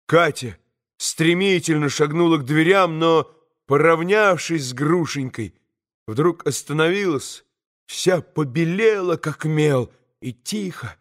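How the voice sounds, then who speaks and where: Slow measured male narrator. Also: on the high side. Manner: measured, expressive reading. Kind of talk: scripted audiobook narration.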